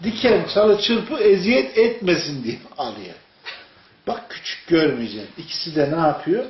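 A man's voice: fairly high pitch, lively intonation, moderate pace. Male preacher, echoey lo-fi room. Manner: storytelling, asks the audience questions. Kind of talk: informal religious sermon. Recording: echoey room, dull lo-fi sound.

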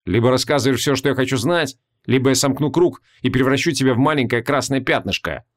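A man's voice: medium pitch, fast talker, natural voice. Arrogant ancient archmage, sneering and mocking, voiced by a man; audiobook fantasy. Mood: menacing. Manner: scornful, mocking.

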